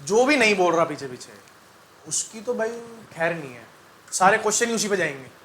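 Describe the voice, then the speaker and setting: A man's voice: sits high, sing-song, a little fast, bright, forceful tone, slight background noise. A man teaching chemistry to a class, quizzing students in a call-and-response style, joking and singing mnemonics.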